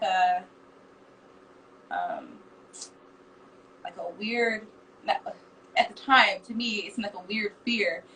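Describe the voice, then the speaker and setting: A woman's voice: mid-range voice, fairly bright tone. A woman guest in a casual chat, talking hesitantly and searching for words. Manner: hesitant, many fillers and restarts. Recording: distant mic with faint background noise.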